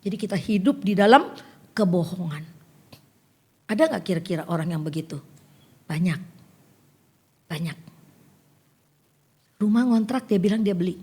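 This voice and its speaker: A woman's voice: lowish voice, lively intonation, moderate pace, long pauses, a little mellow, breathy edge. An older woman preaching a sermon in a chatty storytelling way, acting out the conversations she tells.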